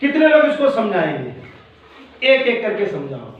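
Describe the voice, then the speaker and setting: A man's voice: high-pitched, wildly swooping pitch, normal speed. A male science teacher in a classroom, quizzing and scolding pupils, repeating his questions. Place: school classroom. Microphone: far from the mic. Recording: echoey classroom, far off, dull.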